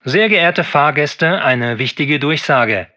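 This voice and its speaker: A man reading a formal, measured train announcement over the intercom. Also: a little high, animated, pushed and bright. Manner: formal, measured, evenly paced. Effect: heard over a train intercom. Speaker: train announcer in a listening exam. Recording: dull, muffled intercom sound.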